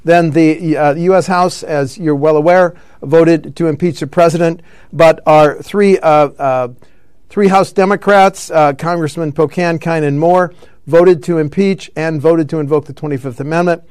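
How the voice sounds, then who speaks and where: Male political talk host, bit high-pitched and crisp, dry studio sound, stops and corrects himself. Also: fairly even intonation, moderate pace, darkish tone, no echo. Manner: reads news items with frequent fillers and self-corrections. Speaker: radio show host.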